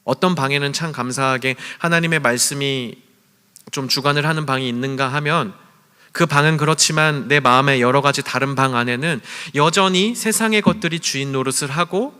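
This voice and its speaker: A man's voice: mid-range voice, a little fast, smooth. A man preaching a sermon to a youth group, telling stories and acting out the lines he quotes. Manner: storytelling, acts out quoted lines with shouts and whispers. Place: church hall. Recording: long church hall reverb.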